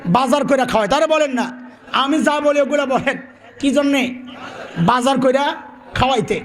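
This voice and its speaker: A man preaches a sermon. He fires questions at the crowd and has them shout the answers back, and he acts out the people in his stories. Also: extremely high pitch, normal speed, a little hiss or hum. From Bangladesh. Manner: animated call-and-response, quizzing the crowd; acts out characters in dialogue.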